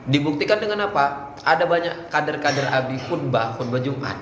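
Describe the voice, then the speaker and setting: A man's voice: fairly high pitch, lively intonation, brisk. A man coaching students for an Islamic speech contest in a casual manner, now and then chanting Arabic phrases to demonstrate. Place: indoor room at an Islamic boarding school. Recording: echoey room, faint background noise.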